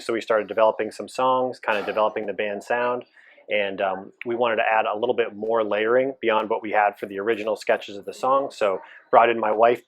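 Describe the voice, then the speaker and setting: A low-voiced man from Massachusetts talks through the story of his band. His answers are easygoing and casual, full of ums and loose asides. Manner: relaxed, filler-heavy, rambling. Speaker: band founder, guitarist and singer.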